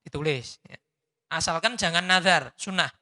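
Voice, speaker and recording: A man with a Javanese accent, a habib preacher answering questions at a religious study gathering in a lively, teasing way. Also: fairly high pitch, moderate pace, in a large hall. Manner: lively, teasing, mixes in local words.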